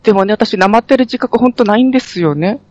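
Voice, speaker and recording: High-voiced man with a Fukushima accent. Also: quick pace, darkish tone, no echo, muffled recording. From Fukushima, Japan. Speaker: podcast guest. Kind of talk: casual podcast chat.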